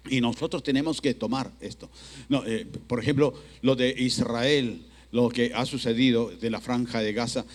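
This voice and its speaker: A man preaching a language sermon as pastor, emphatic and lively, acting out excuses in quick quoted asides. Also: mid-range voice.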